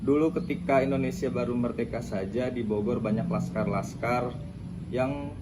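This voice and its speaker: A man in his thirties, a high school teacher, giving measured, explanatory interview answers. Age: 30s. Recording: noisy background.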